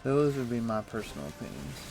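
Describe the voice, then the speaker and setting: Streaming a game from home on a headset, a man chats casually and thinks aloud, relaxed and full of ums and uhs. His gravelly, medium-pitched voice runs a little fast, with music behind it and poor audio quality.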